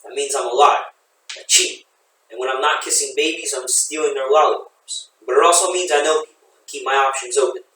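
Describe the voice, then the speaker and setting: A man's voice: medium pitch, a little fast, bright, forceful tone, a little hiss or hum, natural voice. A man voicing a cynical male politician who speaks bluntly and wryly. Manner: blunt, wry. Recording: echoey room, voice from a distance.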